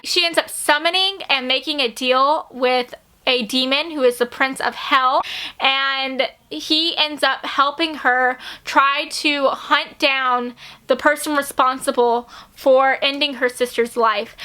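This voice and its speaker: A young woman vlogging casual book reviews, gushing and excitable, talking straight to her viewers, her voice a little worn. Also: high-pitched. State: starting to lose her voice.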